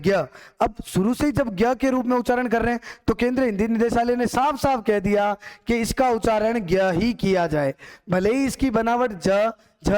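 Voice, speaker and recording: A man's voice: sits high, darkish tone. A young man teaching a grammar lesson, asking questions and answering them himself as if a student had asked.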